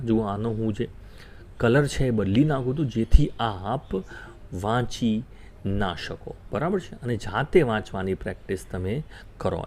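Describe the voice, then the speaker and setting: A man teaching English pronunciation, repeating each word slowly so learners can say it after him. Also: lowish voice, a little mellow. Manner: slow, repeats words for learners to echo. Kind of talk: spoken English lesson.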